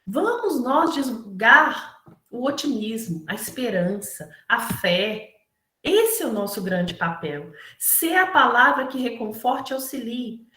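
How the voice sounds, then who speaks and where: A woman's voice: a little high, sing-song, slow pace, sharp tone, roomy sound. A Brazilian woman from Minas Gerais giving a spiritist talk, earnest and conversational, often asking "né?" and acting out the voices she quotes. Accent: Brazilian Portuguese, Minas Gerais. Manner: earnest and conversational, frequent tag questions, acts out quoted voices. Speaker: spiritist lecturer. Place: lecture hall of a spiritist center.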